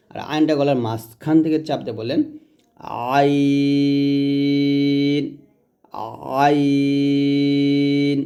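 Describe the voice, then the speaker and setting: A man teaching Quranic letter pronunciation in a patient, repetitive way, drawing out each sound slowly to demonstrate it. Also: medium pitch, warm tone. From Bangladesh. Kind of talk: recitation lesson.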